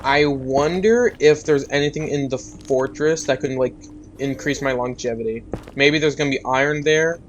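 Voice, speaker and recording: Young guy rambling over his game, mid pitch, kinda self-mocking, faint hiss behind. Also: normal speed, muffled recording. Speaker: gaming YouTuber. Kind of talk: casual gameplay commentary.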